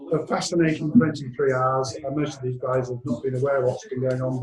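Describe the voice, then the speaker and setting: Man in his seventies moderating, echoey hall. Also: a little high. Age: 70s. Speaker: panel moderator. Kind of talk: hosting a panel discussion.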